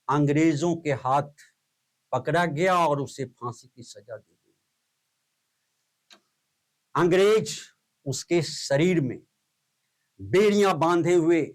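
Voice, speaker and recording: A male teacher giving a patriotic Independence Day address, telling a story in a slow, solemn, emotional way with long pauses. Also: a little high.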